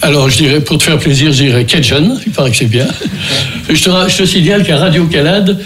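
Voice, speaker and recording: An older man with a Beaujolais accent hosts a local radio music show. His voice sits a bit high, and he talks in a meandering way, stopping and starting again often. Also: fast. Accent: French from Beaujolais. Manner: rambling, hesitant, many restarts and fillers. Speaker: radio host.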